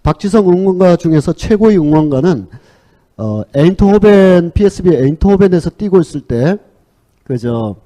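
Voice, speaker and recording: A man giving a conversational public lecture, telling stories with frequent fillers and pauses. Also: high-pitched, expressive, warm tone. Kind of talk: public lecture on sports and culture.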